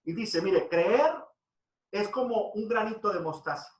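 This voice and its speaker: Man preaching a devotional, high voice, earnest, goes up for scripture quotes, roomy sound, mic kinda far. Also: expressive, measured pace. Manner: earnest preaching, voice rising when quoting scripture. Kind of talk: devotional sermon.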